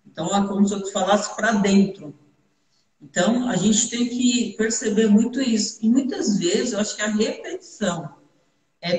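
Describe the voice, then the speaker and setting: A woman's voice: medium pitch, a little mellow. A woman with a Brazilian Portuguese accent talks things over in an easy, reflective way, as a hypnotherapist co-hosting a live stream. She keeps checking in with a questioning "right?". The room gives her voice a noticeable echo. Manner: reflective, loose, tags sentences with a questioning "right?". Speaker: co-host, hypnotherapist. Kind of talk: casual live-stream chat. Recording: roomy echo.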